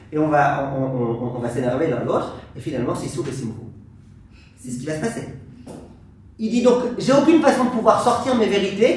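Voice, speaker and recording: A man teaching a Torah class as a rabbi, animated, acting out angry exchanges and quizzing his audience. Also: sits high. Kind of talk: lively Torah lesson to an audience. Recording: very echoey room, voice from far off, faint hiss.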